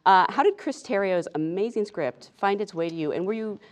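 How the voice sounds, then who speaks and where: A woman's voice: mid-range voice, lively intonation, fairly quick. A woman as host, asking the cast questions and often laughing. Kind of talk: interview questions.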